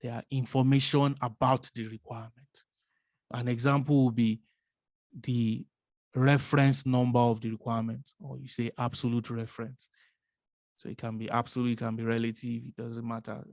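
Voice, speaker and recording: Male course instructor, mid-pitched, dry close sound, rhetorical teaching style with steady "right?" check-ins. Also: moderate pace, dry recording. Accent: non-American English. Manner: repeats "right?" often, asks rhetorical questions. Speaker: business analysis instructor. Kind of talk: explanatory course lecture.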